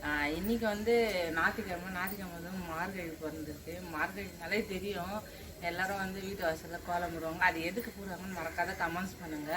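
A woman's voice: lowish voice, fairly even intonation, quick pace. Chatty young woman vlogging outdoors. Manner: chatty, addresses viewers as friends. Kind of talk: casual vlog narration. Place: outdoors at a village house and street. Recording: noisy outdoor phone recording.

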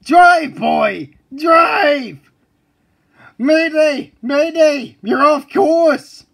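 A stern cartoon drill sergeant of a driving teacher. His voice is high for a man, creaky and rough. He barks orders with military bluster, his pitch jumping about. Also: very animated, a little slow, sharp tone, exaggerated voice. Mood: alarmed. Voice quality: gravelly, husky. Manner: barking, commanding, military. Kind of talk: cartoon voice acting.

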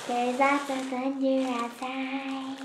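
A woman talking in a squeaky chipmunk voice from breathing helium, rambling and giggly in a casual vlog chat. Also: completely flat delivery, slow pace, echoey room, very noisy. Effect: helium-raised chipmunk voice.

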